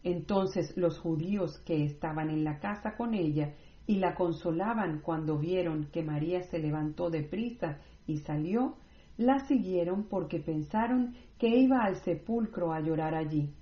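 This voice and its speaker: Woman reading the bible slow and even, a bit echoey and dull sounding. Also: fairly low pitch. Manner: slow, measured reading without commentary. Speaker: Bible reader. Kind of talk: scripted scripture reading. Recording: roomy, slightly dull recording.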